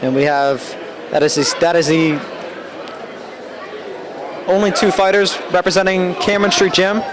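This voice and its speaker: A man giving live play-by-play boxing commentary in measured, halting phrases. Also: high-pitched, steady tone. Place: public boxing event venue. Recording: loud crowd noise at venue.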